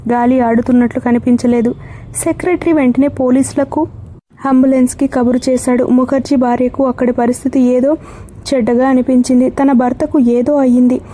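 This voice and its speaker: A woman narrates a crime novel in a steady storytelling manner. Her voice sits fairly high but has a soft, mellow tone. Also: moderate pace. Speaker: audiobook narrator.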